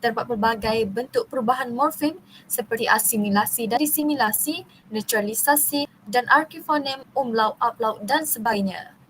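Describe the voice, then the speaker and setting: A young woman from Malaysia reading a university class presentation, steady but often stumbling and restarting on long terms. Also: a little high, normal speed, slight background noise, low-quality recording.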